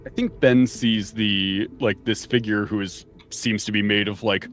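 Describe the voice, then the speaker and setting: A man's voice: lowish voice, fairly even intonation, unhurried. A man playing in a tabletop game, describing his character's actions in a hesitant, casual way with many fillers. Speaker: player.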